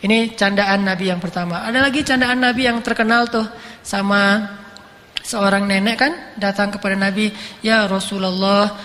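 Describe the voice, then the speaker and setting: A man gives a lively, joking sermon and acts out the voices in his stories. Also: high-pitched, normal speed. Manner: animated, jokey, acts out voices. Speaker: preacher. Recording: reverberant hall with faint noise.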